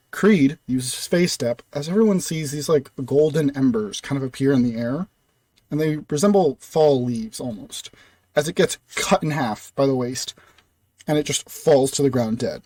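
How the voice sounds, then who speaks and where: A man's voice: fairly high pitch, darkish tone, dry recording. A young man casually narrating a recap of his tabletop fantasy campaign, with loose phrasing full of "kind of" and "like".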